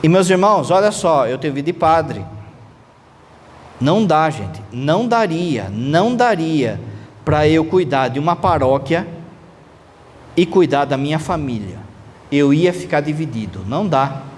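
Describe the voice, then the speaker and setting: High-voiced priest preaching. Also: male voice, unhurried. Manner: conversational, animated, uses rhetorical questions. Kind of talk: sermon. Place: church. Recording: reverberant church hall, faint noise.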